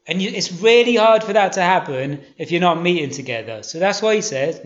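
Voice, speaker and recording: A man preaching a sermon, emphatic and joking, with quick rhetorical questions. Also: high voice, animated. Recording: roomy, slightly dull sound.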